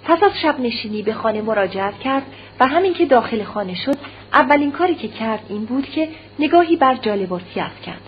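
A woman narrates a novel in a measured, expressive reading. Her voice sits a little high. The recording is dull and lo-fi, with a faint hum underneath. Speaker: audiobook narrator. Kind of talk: dramatic audiobook narration.

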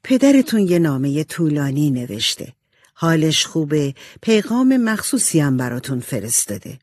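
Mrs March, a calm, loving mother of four girls voiced by a narrator in a storybook reading. She speaks slowly and tenderly, her voice only slightly raised and easy. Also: medium pitch, no room sound, studio quality. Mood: cheerful.

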